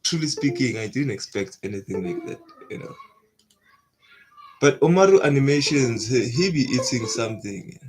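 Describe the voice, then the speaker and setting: A young man talks casually through an anime reaction and drops into slang. He often gets hyped and repeats short exclamations. His voice sits at an ordinary middle pitch. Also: moderate pace, background noise. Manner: excitable, slangy, repeats "nah" in bursts.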